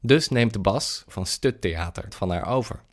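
A male radio presenter announcing clearly and matter-of-factly. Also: lowish voice, measured pace.

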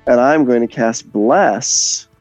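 A man's voice: mid-range voice, takes it slowly, a little mellow, faint music behind, poor audio. A man playing a tabletop role-playing game, talking through his spell and its rules with a wry edge. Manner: wry, explains rules at length. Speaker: player. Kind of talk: casual tabletop game talk.

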